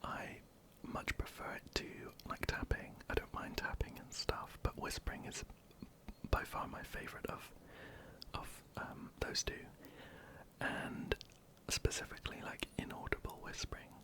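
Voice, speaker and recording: An ASMR creator, whispering softly and hesitantly while answering viewer questions into a close microphone. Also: measured pace. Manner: soft, hesitant, many ums and restarts.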